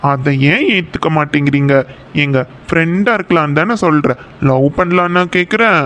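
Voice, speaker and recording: A man's voice: fairly high pitch, normal speed, fairly bright tone, lightly acted. A man voicing a timid, lovestruck young office worker in a cartoon, speaking with a Kongu Tamil accent and coaxing and pleading with the woman he likes. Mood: wooing. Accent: Kongu Tamil (Coimbatore). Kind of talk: cartoon voice acting.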